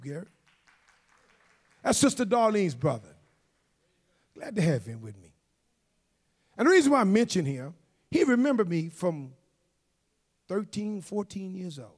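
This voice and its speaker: High-voiced preacher in a reverberant church. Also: male voice, husky. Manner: reads scripture then rises to shouted, sing-song preaching. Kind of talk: sermon. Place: church service.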